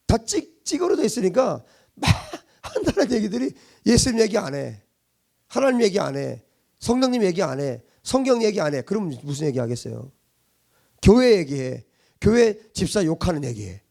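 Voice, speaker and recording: Male pastor, sermon voice, lively high-pitched delivery, husky and gravelly. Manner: emphatic preaching with rhetorical questions, swinging between loud and hushed. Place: church congregation.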